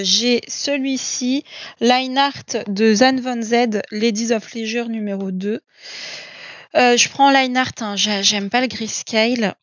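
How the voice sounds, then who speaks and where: A woman with a slightly high voice chats and gushes while showing off coloring books, saying "euh" often and repeating herself. The sound is dull and dry, with no echo.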